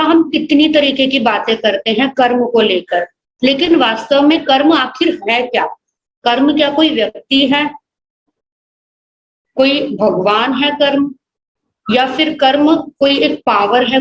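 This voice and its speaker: A woman's voice: on the high side, reverberant, slight background noise, rough recording. A woman, a nun, teaching an online religious class, patiently explaining and listing terms one by one.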